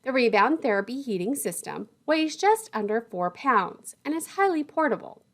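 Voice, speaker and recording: A woman delivers a scripted technical lesson in a fairly high voice. Her pitch moves in a lively way from phrase to phrase. The wording is formal and the terms are spoken with care, as a lecturer would. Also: moderate pace. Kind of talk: scripted instructional narration.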